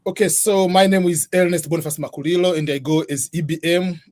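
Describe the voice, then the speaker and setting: A man's voice: a little high, steady tone, a little fast, a little mellow. A middle-aged man from Tanzania, a guest in an interview, explaining methodically in numbered points. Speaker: guest, scholarship advisor.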